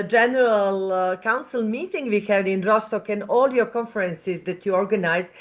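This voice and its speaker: A woman moderating an online webinar, thanking speakers and passing the floor with some fillers. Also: medium pitch.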